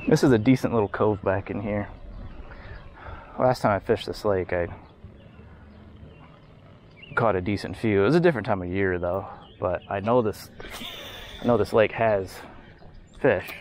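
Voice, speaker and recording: A man's voice: fairly low pitch, normal speed, pauses often. A man in his thirties talking casually to himself while he boats and fishes, his voice caught by a camera mounted on a small boat on a lake. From Michigan, US. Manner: relaxed, talks to himself while boating and fishing. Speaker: fishing vlogger. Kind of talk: casual running commentary. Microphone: action camera on the boat. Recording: outdoor camera audio with boat and water noise.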